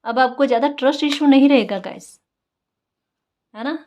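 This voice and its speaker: A woman's voice: sits high, moderate pace, dull audio. A woman tarot reader giving casual spiritual guidance, coaxing and encouraging, often asking her listeners "right?" and repeating key phrases.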